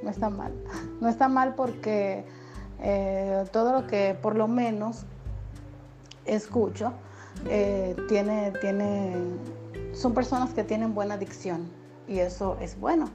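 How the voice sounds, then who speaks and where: Woman, Dominican accent, podcast host, encouraging and chatty, mid pitch, guitar music behind. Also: fairly even intonation, slow. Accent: Dominican Spanish, softened toward neutral. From Dominican Republic. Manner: encouraging, chatty, with frequent fillers. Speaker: podcast host and radio announcer. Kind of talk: casual motivational podcast talk.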